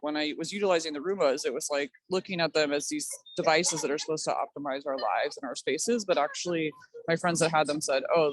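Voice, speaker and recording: A woman's voice: low-pitched, dry recording, rough recording. A woman artist talking about her work in a casual, reflective way, her speech loose and peppered with filler words. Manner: thoughtful, loose, peppered with "like" and "kind of".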